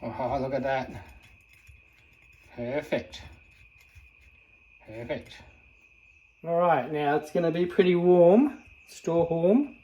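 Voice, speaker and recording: A man, casually talking himself through cooking and gardening in a home vlog, relaxed and full of fillers. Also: a little high, takes it slowly, pauses often, lo-fi sound. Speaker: vlogger, home gardener and cook. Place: home kitchen and vegetable garden.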